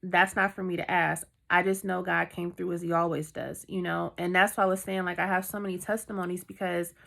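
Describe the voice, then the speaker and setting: A woman's voice: on the low side, flat delivery, a little fast, gravelly, fairly bright tone. A woman vlogger telling a heartfelt story time in a chatty way, full of fillers.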